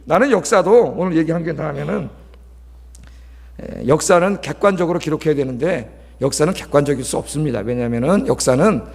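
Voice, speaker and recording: A man's voice: sits high, creaky. Man, pastor, sermon, scolding asides, questions to the congregation, large church sanctuary. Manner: talkative, scolding asides with frequent "예?" checks to the congregation. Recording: long church hall reverb.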